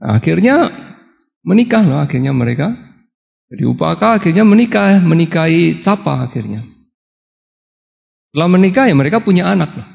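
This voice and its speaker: A male Buddhist monk tells a story during a retreat talk, slipping into the voices of the characters and laughing along the way. His voice sits high and has a heavy gravelly rasp. The sound carries a long reverb from the meditation hall. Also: fairly quick, pauses often. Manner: lively, acts out quoted characters, laughs often.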